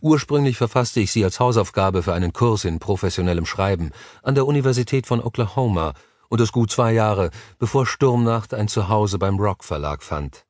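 Low-voiced male audiobook narrator, dry. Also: lively intonation, normal speed, a little mellow, no room sound. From Germany.

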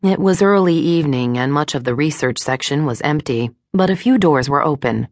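A woman narrates a thriller audiobook in a low voice. Her reading is measured and even. The studio sound is dry and close. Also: no room sound. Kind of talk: scripted narration. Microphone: studio microphone.

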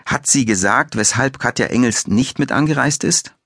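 Man reading a calm, polite policewoman. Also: mid-range voice, moderate pace, gravelly, slightly rough, no room sound, studio quality, pitched above the performer's own voice. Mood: composed. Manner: friendly, composed. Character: female detective, calm and polite.

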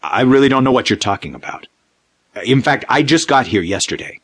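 A man voicing a tall man who protests quickly and nervously at an intruder. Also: medium pitch, lively intonation, fairly bright tone, breathy edge, voice pushed up. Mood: flustered. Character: tall young man, alarmed and defiant.

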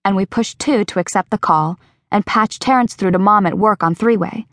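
A woman reading an audiobook in first person, with even, measured storytelling. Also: medium pitch, no echo, clean studio sound. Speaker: audiobook narrator. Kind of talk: first-person scripted narration.

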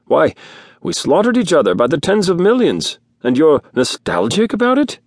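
A man's voice: fairly high pitch, wildly swooping pitch, normal speed, slightly rough, dry recording, studio quality, pitched above the performer's own voice, full character voice. A man voicing an old, wealthy human man who speaks bluntly and reproachfully.

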